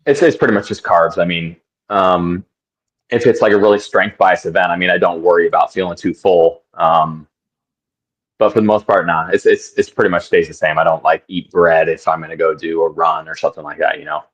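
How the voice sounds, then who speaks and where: A man's voice: sits low, fairly even intonation, fairly quick, poor audio. A young man, a guest athlete, chatting in a laid-back, rambling way on a podcast. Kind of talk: casual podcast chat.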